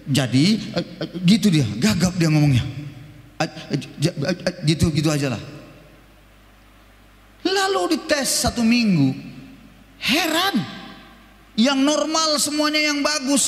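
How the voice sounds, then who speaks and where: A male pastor delivers an animated sermon, talking straight to his congregation. His voice sits high with wide, lively swings in pitch. Long reverb rings through the church hall. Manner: animated preaching, addresses congregation directly.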